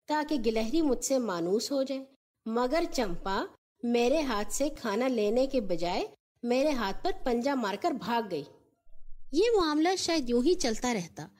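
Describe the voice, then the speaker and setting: A woman's voice: a little high, darkish tone. A woman narrating a scripted children's story as a storyteller.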